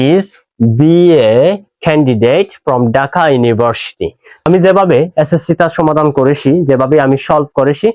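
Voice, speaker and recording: Male English tutor, Bangladeshi accent, slightly high voice, patient step-by-step explainer, dry dull lo-fi recording. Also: darkish tone, no echo. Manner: explains step by step, repeats words slowly, asks "right?". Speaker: English teacher. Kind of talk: classroom grammar lesson. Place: classroom with whiteboard.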